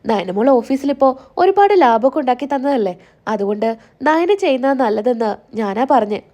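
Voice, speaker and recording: A woman's voice: high-pitched, animated, moderate pace, dark tone. A woman voicing a firm matriarch who settles family business decisively. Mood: defensive. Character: firm older matriarch favoring one daughter-in-law.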